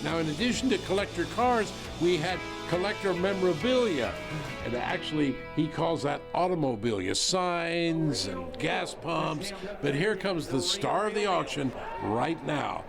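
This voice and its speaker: A man's voice: a little high, sing-song, measured pace, vocal fry, over music. A man hosting an auction broadcast with presenter-style commentary. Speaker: auction show host.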